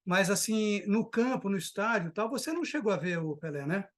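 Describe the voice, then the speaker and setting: A man's voice: high voice, animated, fairly quick. A man hosting a podcast interview, asking questions and chiming in with friendly affirmations. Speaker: podcast host.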